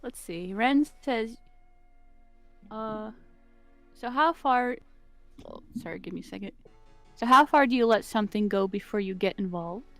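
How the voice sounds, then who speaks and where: A woman, a game developer, chatting casually on a stream, self-deprecating and quick to laugh. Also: mid-range voice, expressive, dry recording, faint music behind. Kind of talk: casual live-stream chat.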